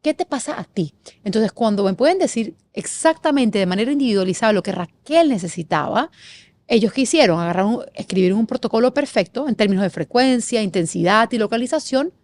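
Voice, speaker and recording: Expressive woman telling her story. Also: a little high. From Panama. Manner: expressive, animated, lists things in rapid series. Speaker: guest. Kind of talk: emotional storytelling in an interview.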